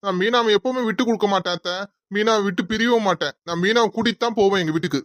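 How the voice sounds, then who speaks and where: Man doing a high, quick cartoon husband. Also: a bit bright, dry recording, studio quality. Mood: earnest. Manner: pleading, reassuring. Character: earnest young husband, loyal to his wife.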